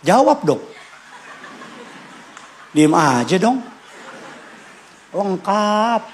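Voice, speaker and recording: Animated high-voiced man preaching. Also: drawn-out words, slight background noise. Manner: animated, shifts pitch and loudness, acts out quotes with shouts. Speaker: pastor. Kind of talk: lively sermon. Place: church.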